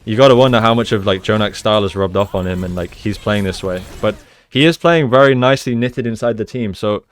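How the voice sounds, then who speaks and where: A gaming coach and analyst with a somewhat low voice breaks down each move of video game play in explanatory, conversational commentary, often checking in with "right?". He talks a little fast, and the tone is clean.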